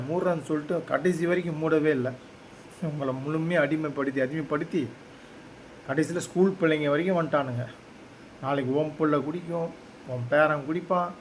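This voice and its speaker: A man's voice: a little high, slight background noise, low-quality recording. A man with a Tamil Nadu accent making an earnest, pleading appeal to his viewers. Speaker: social media commentator. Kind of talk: pleading direct-to-camera appeal.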